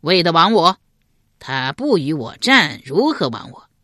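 A woman voicing a shrewd, calm male minister in a spoken historical novel, laying out plans step by step. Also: sits low, unhurried, no echo, clean studio sound, exaggerated voice. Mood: measured.

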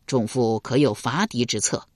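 A woman voicing a grave, dignified ancient king who speaks slowly and solemnly in a storybook reading. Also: very deep voice, no room sound, clean studio sound, pitched below the performer's own voice. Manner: slow, measured, solemn.

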